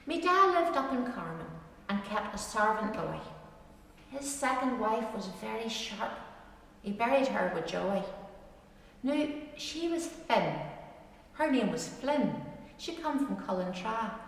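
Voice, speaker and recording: A woman's voice: a little high, a bit bright, heavily acted. A woman reciting dialect verse as a rueful, ageing bachelor farmer, with an Ulster Scots accent and a lilting, rhyming storyteller delivery. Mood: rueful, wry. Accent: Ulster Scots, Northern Irish. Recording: very echoey hall, distant microphone.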